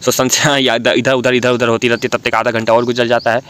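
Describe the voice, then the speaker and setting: Chatty guy from india rattling through a drama recap, quick, faint hiss behind. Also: medium pitch, little pitch movement, a bit bright. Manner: chatty, restarts, asks listener along. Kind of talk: casual drama retelling.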